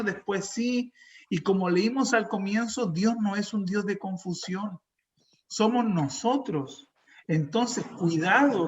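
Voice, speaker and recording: A young adult pastor with a Chilean Spanish accent preaches a sermon, telling a personal story and voicing the dialogue in an animated way. His voice sits high, and the audio sounds dull.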